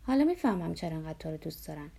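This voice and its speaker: A woman's voice: low-pitched, sing-song, gravelly, warm tone, slightly rough, exaggerated voice. A woman reading aloud, voicing a cheerful adult sister who makes teasing remarks.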